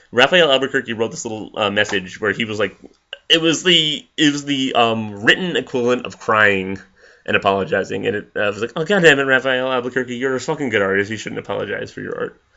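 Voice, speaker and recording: A man's voice: fairly low pitch, bright, forceful tone. A man ranting in a casual commentary vlog, swearing often and rambling with many fillers and restarts. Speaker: vlogger. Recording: dull lo-fi recording.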